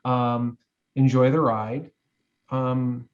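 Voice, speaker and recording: A man in his forties, appearing as a guest in a reflective interview, gives advice in loose, rambling sentences packed with fillers and restarts. He speaks extremely slowly in a mid-range voice with little pitch movement, and the audio is dull.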